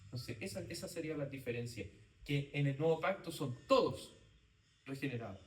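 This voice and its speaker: Male Bible teacher, slightly high voice, lectures in short repeated phrases, recorded from across an echoey room. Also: expressive, fairly quick, distant mic. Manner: speaks in short phrases, repeats key points, asks the class to confirm. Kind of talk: theology class lecture. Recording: roomy echo, voice from off-mic, faint background noise.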